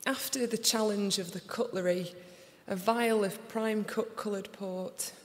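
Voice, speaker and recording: A live poetry reading in a large, echoing concert hall features a young adult woman with a Sheffield accent from England reciting her own work to an audience. Her delivery is slow and deliberate, her pitch medium and tone steady.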